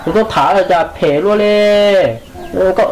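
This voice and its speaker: A woman acting in an amateur drama, speaking in a halting, repetitive way. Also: medium pitch, fairly even intonation, a little mellow, slight background noise, lightly acted, rough recording.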